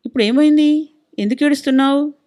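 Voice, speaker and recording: A woman's voice: mid-range voice, animated, a little fast, natural voice. A woman voicing a stubborn middle-aged husband who lectures and scolds in an insistent, suspicious way. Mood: insistent lecturing.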